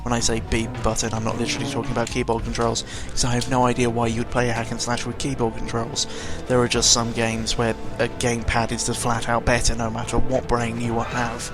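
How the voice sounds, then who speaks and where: Monotone and medium-pitched, a British man talks a little quickly with few breaks while commentating on a video game off the cuff. He rambles sarcastically with some mild cursing, close-miked over the game's music.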